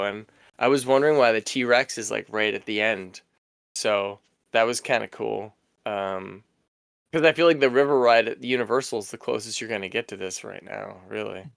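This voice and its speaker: Smooth-voiced young man chatting casually. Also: on the low side, no echo, clean studio sound. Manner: relaxed, rambling, laughs easily. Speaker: podcast host. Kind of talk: casual chat.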